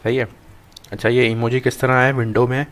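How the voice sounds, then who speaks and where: A young man teaching a coding class, thinking aloud as he types, with frequent pauses and restarts. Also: mid-range voice, flat delivery, fairly bright tone. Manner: thinks aloud while typing, halting with many restarts. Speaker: programming tutor. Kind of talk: screen-recorded coding lesson.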